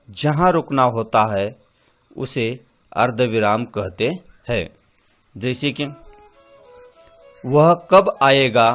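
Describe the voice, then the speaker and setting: Man teaching grammar, super slow, chopped-up dictating phrases, kinda muffled sound, soft music behind. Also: mid-range voice. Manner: speaks in short measured phrases, dictating definitions. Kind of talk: slow, deliberate classroom explanation. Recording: slightly dull audio with faint music.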